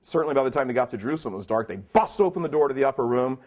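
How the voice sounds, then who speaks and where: A man's voice: mid-range voice, expressive, very fast, a little mellow. A man delivers a preaching talk at a conference in an ordinary mid-range voice. He is emphatic and plainspoken. He keeps driving his points home with rhetorical questions. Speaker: conference speaker.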